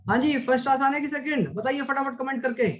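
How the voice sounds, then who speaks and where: A man's voice: extremely high pitch, steady tone, quick pace. A man teaching an online maths class, chatty and coaxing, asking questions and answering them himself for his students. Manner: coaxing, calls students "beta".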